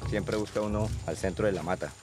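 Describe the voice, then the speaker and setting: A Colombian farmer, a man with a low-pitched voice, explains things in casual everyday talk. He is recorded outdoors in the countryside, with music clearly underneath. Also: fairly even intonation, a little fast. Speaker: coca farmer being interviewed.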